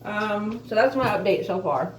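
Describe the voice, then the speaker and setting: A woman with missing front teeth and softly slurred F sounds gives a casual, halting, chatty update as an earnest vlogger. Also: mid-range voice, expressive. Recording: roomy echo, distant mic, faint noise.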